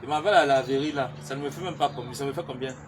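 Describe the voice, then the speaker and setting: A man's voice: mid-range voice, racing, slight background noise. A man chatting casually and jokingly to his viewers, repeating himself as he talks. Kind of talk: casual chat reacting to viewers.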